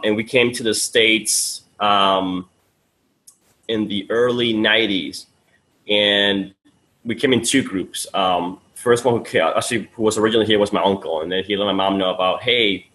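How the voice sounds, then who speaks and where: A man from Peru, somewhere in his thirties, with a fairly low voice. He talks freely and casually as a podcast guest. He drops in "man" and "dude" and restarts his sentences often. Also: bright, forceful tone, rough recording. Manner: talkative, loose and friendly, says "man" and "dude", many fillers and restarts. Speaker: guest, sales funnel coach.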